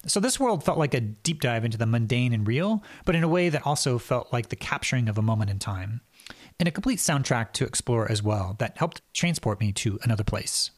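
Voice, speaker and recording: A man's voice: mid-range voice, lively intonation, a little fast, no room sound. A man interviewing a virtual world creator, asking questions in a thoughtful, appreciative way.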